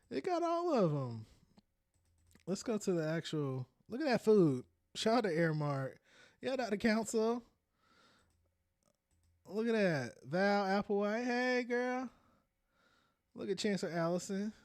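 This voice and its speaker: A man in his thirties, whose voice sits high, hosts a podcast and offers relaxed, animated commentary while browsing and reading aloud. He laughs frequently, and the recording is dry and studio quality.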